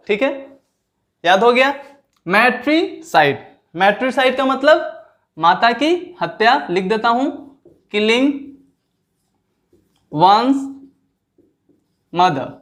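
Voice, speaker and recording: Male teacher, unhurried delivery, drills words by slow repetition, keeps checking in with the class. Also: sits high, fairly bright tone. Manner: repeats each word slowly, drawing it out; asks students questions and checks their understanding. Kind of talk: exam vocabulary lesson.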